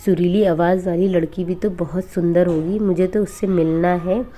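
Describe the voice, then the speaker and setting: A woman's voice: on the low side, steady tone, moderate pace, warm tone, natural voice. A woman voicing a rude, bullying village father in a cartoon horror story, blustering and scolding.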